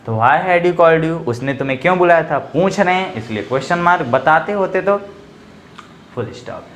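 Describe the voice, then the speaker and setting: A man teaching English grammar in a casual, chatty classroom style, reading English examples slowly and explaining them. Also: on the high side, expressive, a bit bright, reverberant, a little hiss or hum. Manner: chatty, addresses viewers as bhai and bhaiya.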